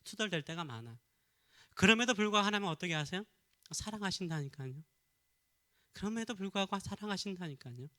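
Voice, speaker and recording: A man's voice: sits high, expressive, fast talker, long pauses, bright, forceful tone. A middle-aged man from Korea preaching as a pastor, asking the congregation questions and answering them himself. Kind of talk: sermon.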